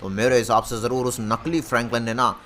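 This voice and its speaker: A man's voice: medium pitch, flat delivery, brisk, fairly bright tone, slight background noise. A young man narrating a video game story dramatically, speaking directly to his viewers and asking them to comment. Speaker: gaming YouTuber. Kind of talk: excited gameplay narration.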